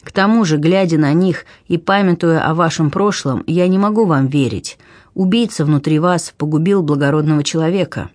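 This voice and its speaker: A man's voice: fairly high pitch, normal speed, darkish tone, no echo, studio quality, natural voice. A man reading an audiobook, voicing a stern nobleman, a duke who speaks with scorn.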